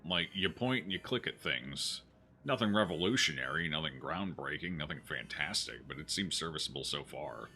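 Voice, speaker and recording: Male gaming host, low pitch, very punchy bright tone, casual wry commentary, joking, faint music behind. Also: expressive, moderate pace.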